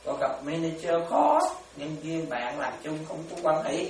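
A man, a monk, giving a chatty, animated dharma sermon full of stories and repetitions. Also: a little high, a little slow. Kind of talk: sermon with storytelling. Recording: echoey, distant mic, faint noise.

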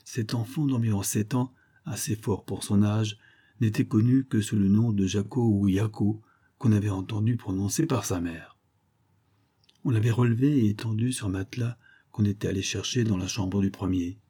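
A man reading a classic crime novel as an audiobook narrator, in a measured, phrase-by-phrase delivery. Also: lowish voice, fairly even intonation, dark tone, slightly rough. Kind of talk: scripted literary narration.

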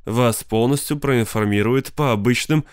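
A man voicing a flat, recorded automated service voice in an audiobook. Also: medium pitch, normal speed, clear, resonant tone, no room sound, studio quality, lightly acted. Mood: bland. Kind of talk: audiobook character voice.

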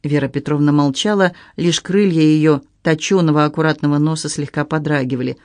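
A man reading a first-person story aloud in an even, measured way. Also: a little high, no echo. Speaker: audiobook reader. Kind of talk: first-person audiobook narration.

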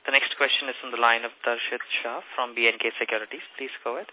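A man's voice: medium pitch, little pitch movement, fast talker, a little hiss or hum. A man moderating a conference call, politely announcing the next caller over a phone line. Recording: tinny phone-line audio.

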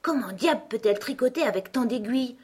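A woman's voice: expressive, normal speed, slightly rough. A woman voicing a curious, polite little girl who speaks eagerly and in wonder. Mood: puzzled. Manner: eager, wondering, high-pitched.

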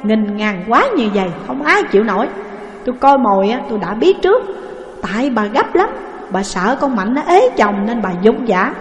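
Woman doing a loud scolding old father, rich landowner, echoey room. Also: on the high side, sing-song, normal speed. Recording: echoey room with long reverb.

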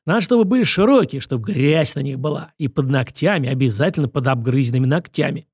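A man's voice: mid-range voice, expressive, fairly quick, darkish tone, breathy edge, no room sound, clean studio sound. A man voicing a pompous, touchy film director who blusters and talks about himself in the third person. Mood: blustering. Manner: blustering, refers to himself in the third person, squeals when angry. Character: pompous, touchy male film director, self-important and shrill.

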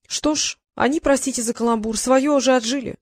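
A woman reading an audiobook, voicing a soft-spoken, gently cunning sultan in a mild, kindly manner. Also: high-pitched, steady tone, fairly quick, no room sound, voice pushed up. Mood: scheming calm.

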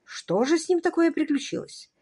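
A woman's voice: high voice, big pitch swings, moderate pace, mellow. Woman narrating an audiobook with verve. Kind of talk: scripted narration with voiced characters.

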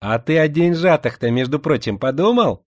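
A man's voice: fairly high pitch, lively intonation, moderate pace, dry recording, studio quality, voice pushed up. A man voicing a lisping older schoolboy who talks in sugary diminutives and needles the others. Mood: needling. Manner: needling, mocking.

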